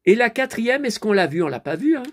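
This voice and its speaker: A man with a very high, swooping voice talks fairly quickly in a fairly bright tone. He's a vlogger reviewing a DVD as he watches it, chatting away in a casual running commentary. He keeps turning to his viewers with tag words and mutters to himself when he gets flustered.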